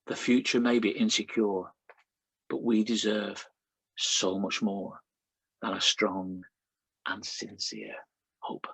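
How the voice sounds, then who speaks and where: Reading his own poetry with spoken introductions, a middle-aged Lancashire man with a local accent fills the gaps with chatty asides and fillers. He speaks slowly and pauses often, his lowish voice gravelly, a bit bright and breathy-edged, with flat delivery on a dry recording.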